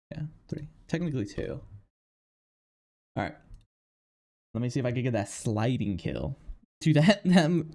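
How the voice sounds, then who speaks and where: A man streaming live gameplay and talking through it in excitable, casual gamer slang. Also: mid-range voice, gravelly.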